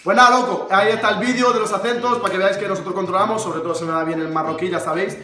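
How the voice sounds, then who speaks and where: High-voiced young Spanish man joking. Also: steady tone, rapid-fire, crowd noise. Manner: jokey, hammy, switching into put-on accents. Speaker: YouTuber host. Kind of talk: comic accent challenge with his father. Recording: echoey room, mic at a distance, music behind.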